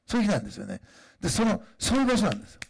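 Gravelly, lively-voiced male preacher. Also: high voice, rapid-fire. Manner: conversational preaching with frequent fillers, rising to emphatic declarations. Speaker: pastor. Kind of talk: sermon.

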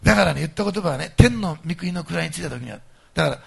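Male pastor mid-sermon, slightly high, husky voice, emphatic delivery. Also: fast talker. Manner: animated, emphatic, swings between soft asides and loud stresses.

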